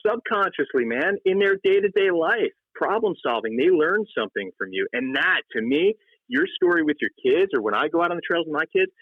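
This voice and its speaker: A man in his forties, a psychiatrist guest in a conversational interview, speaking emphatically and building to lively points. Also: fairly high pitch, no echo. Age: 40s. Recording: phone-like line, dry.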